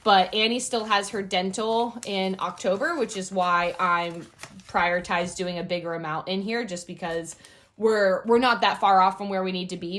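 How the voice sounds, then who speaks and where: A woman's voice: lowish voice, a bit bright. A woman chatting casually to viewers while counting cash into budget envelopes, upbeat and talkative. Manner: bubbly, upbeat, addresses viewers as y'all. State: has the hiccups. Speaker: budgeting vlogger.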